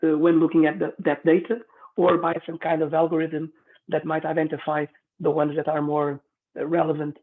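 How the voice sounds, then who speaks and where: A man on a tinny phone line, asking a careful, halting question in an online Q&A. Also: fairly high pitch, completely flat delivery. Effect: heard over a phone line. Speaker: audience member asking a question.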